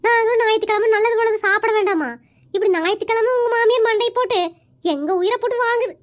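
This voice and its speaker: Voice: very high voice, fast talker. A voice actor playing a blunt, nosy old village woman in a cartoon. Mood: teasing.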